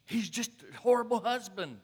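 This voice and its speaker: A man voicing a brash young male pastor who bluntly judges others, loud and indignant. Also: sits high, expressive, moderate pace, husky, pitched above the performer's own voice. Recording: long hall reverb.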